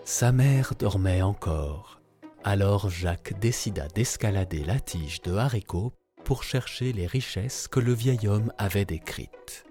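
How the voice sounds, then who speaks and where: A man reading a children's fairy tale aloud, telling it in a slow, expressive way. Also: on the low side, soft background music. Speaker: narrator.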